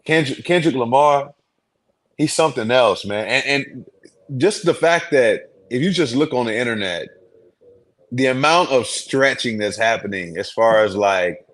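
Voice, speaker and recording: A man's voice: medium pitch, animated, unhurried. Rambling man on a podcast. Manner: rambling, restarts a lot, gets worked up. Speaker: podcast co-host. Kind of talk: casual sports podcast chat.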